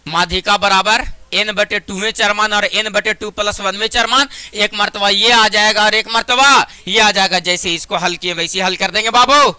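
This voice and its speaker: A man's voice: sits high, fairly even intonation, normal speed, few pauses, pushed and bright, clear, resonant tone, no echo. A man with a Bihari accent teaching math to a class in a classroom, chatty and joking, sometimes scolding students. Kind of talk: classroom lesson.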